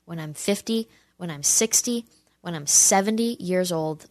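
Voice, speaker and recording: Answering questions from her audience, a commentator in her twenties speaks straight to viewers, making a sincere and persuasive case. She talks unhurriedly in a lowish, somewhat dark voice, recorded with no room sound.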